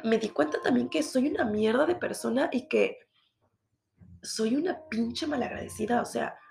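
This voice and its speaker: A woman's voice: fairly high pitch, normal speed, vocal fry, darkish tone. A woman in her thirties with a Mexican accent, talking bluntly and profanely in a casual confessional monologue. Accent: Mexican Spanish. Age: 30s. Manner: blunt and profane, mocks her own past self.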